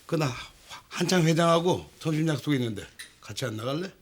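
A man's voice: fairly high pitch, expressive, a little fast, slight background noise, lightly acted. A man playing a blustery, impulsive middle-aged husband and boss in a Korean TV family drama, speaking brusquely and emphatically. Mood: brisk, bossy.

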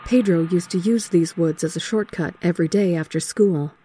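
A woman's voice: fairly low pitch, moderate pace, warm tone, a little hiss or hum, natural voice. A woman voicing a laid-back, teasing teenage boy in a horror story reading, in a casual, offhand way. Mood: easygoing. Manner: casual, offhand, says "man".

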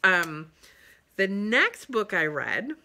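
A woman in her fifties, a book vlogger, talks casually about books she's read from her living room, recorded by a webcam at desk distance. Her medium-pitched voice is very animated and sharp, with drawn-out words, and she rambles with many ums and uhs.

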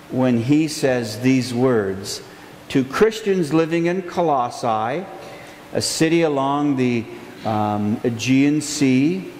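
A pastor in his forties preaches from the pulpit in slow, emphatic phrases, earnest and gesturing a lot, his voice medium-pitched and darkish. He's picked up by a pulpit mic and a far camera inside a church sanctuary, where long reverb echoes and a faint hiss runs underneath.

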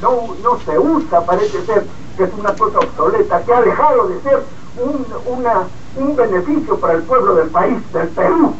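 High-voiced 85-year-old male radio caller over a phone. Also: lively intonation. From Peru. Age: 80s. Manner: indignant, halting, repeats words. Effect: caller heard over a phone line. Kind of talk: call-in opinion on a talk radio show. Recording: muffled distant phone line with hiss.

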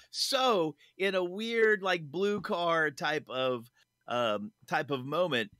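A man's voice: on the high side, sharp tone, no echo, studio quality. A man co-hosting a casual podcast chat, upbeat and rambling with lots of fillers. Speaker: podcast co-host.

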